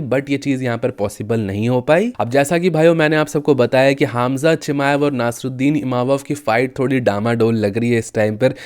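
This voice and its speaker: A man's voice: mid-range voice, darkish tone. A young man giving casual combat sports commentary, chatting with viewers and often addressing them as brothers.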